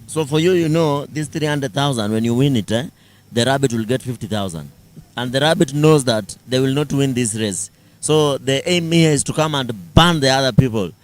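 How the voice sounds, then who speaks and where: Male sports co-commentator, Kenyan accent, medium pitch, explanatory coach talking conversationally. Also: moderate pace, poor audio.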